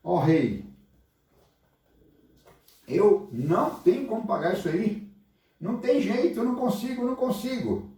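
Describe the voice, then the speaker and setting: A desperate servant begs his master and says the same words over and over, as a male preacher acts him out. The voice rises high and climbs and falls all over the place. It sounds far from the mic, with heavy hall echo. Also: expressive, measured pace, dark tone. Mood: pleading. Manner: pleading, repeating himself.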